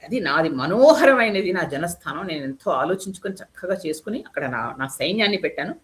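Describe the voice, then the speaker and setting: A woman voicing a furious, arrogant male demon king who shouts rather than speaks, in a retold epic. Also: lowish voice, expressive, a little fast, natural voice. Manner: loud shouting commands.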